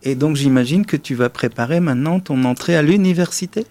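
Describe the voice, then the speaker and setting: A man hosting a radio interview, asking questions gently and patiently. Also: a little high, a little fast, slight background noise. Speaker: radio host.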